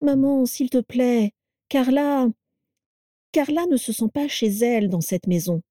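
A woman's voice: fairly high pitch, very animated, moderate pace, warm tone, dry recording, clean studio sound, pitched above the performer's own voice. Woman doing a stammering, timid grown son. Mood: flustered. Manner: stammering, hesitant, pleading. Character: timid, flustered grown son caught between wife and mother.

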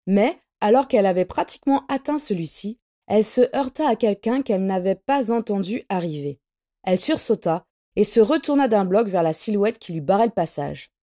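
A woman narrating a fantasy story in a steady, measured audiobook reading. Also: medium pitch. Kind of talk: audiobook narration of fan fiction.

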